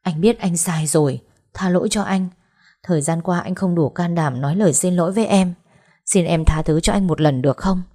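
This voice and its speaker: A remorseful husband begging his wife for another chance, read by a woman in a low voice. He sounds earnest and pleading, his tone soft and mellow. It is an audiobook story. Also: brisk, close to an everyday voice.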